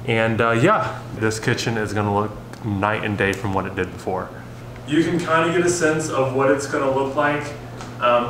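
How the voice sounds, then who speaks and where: A man's voice: mid-range voice, echoey room, noisy background. Upbeat young man touring a renovation. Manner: upbeat, chatty, with frequent fillers. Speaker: home renovation vlogger. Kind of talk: casual walkthrough vlog. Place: house under renovation and its yard, indoors and outdoors. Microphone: handheld camera held at arm's length.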